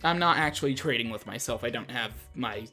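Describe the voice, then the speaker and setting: With video game music in the background, a gaming show host offers relaxed, talkative gameplay commentary and frequently pokes fun at himself. He speaks a little fast in a medium-pitched, sharp-toned voice.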